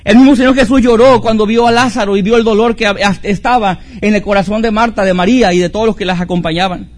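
A middle-aged Mexican pastor preaches an earnest sermon at a quick pace in a high-pitched voice with fairly even intonation. He relies on rhetorical questions and repeated phrases for emphasis.

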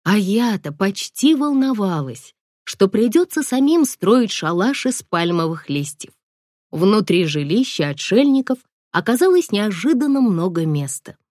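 A woman narrating a first-person audiobook in a wry, expressive storytelling manner. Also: medium pitch, a little slow, no room sound, studio quality.

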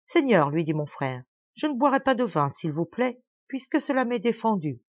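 A starving, deferential poor man, as a woman reader puts him on in a storybook tale, gushing politely over each dish. His lines lift high with lively swings. The sound is dull and lo-fi, dry and near. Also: normal speed, no room sound. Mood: effusive, polite.

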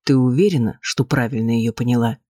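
A man voicing a cool, patronizing husband, husky in tone and dismissive in manner. He stays in his own register, recorded close and dry, like an audiobook reading. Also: mid-range voice, fairly even intonation, fairly quick, warm tone, no room sound, natural voice. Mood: condescending. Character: cold, condescending husband, adult man.

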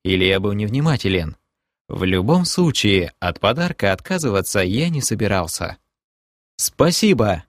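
A man's voice: on the low side, big pitch swings, normal speed, dry recording, clean studio sound. A man narrating a first-person fantasy audiobook in a wry, ironic storytelling manner.

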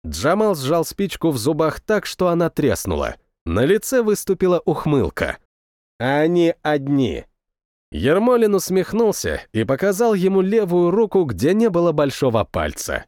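A man narrating a first-person war novel in a measured, expressive reading, recorded close on a studio mic. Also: fairly high pitch, no echo. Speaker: audiobook narrator.

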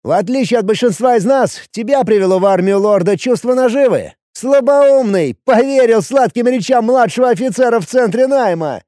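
A man's voice: medium pitch, animated, normal speed, creaky, few pauses, dark tone, dry recording, studio quality. A man voicing a cocky male goblin soldier who talks in a sneering, jeering way. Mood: mocking.

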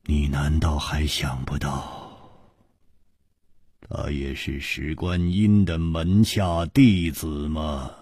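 Guy doing a calm sly hero, low and slow, kinda sneery, husky dry voice. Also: no room sound, full character voice. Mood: cool. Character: calm, shrewd male hero, cool and cutting.

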